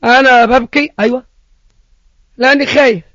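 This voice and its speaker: A man's voice: extremely high pitch, fairly even intonation, moderate pace, bright, forceful tone, dry recording, muffled recording, full character voice. A man with an Egyptian accent voicing a frightened, tearful firstborn boy in a sermon. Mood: fearful. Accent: Egyptian Arabic. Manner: tearful, fearful pleading.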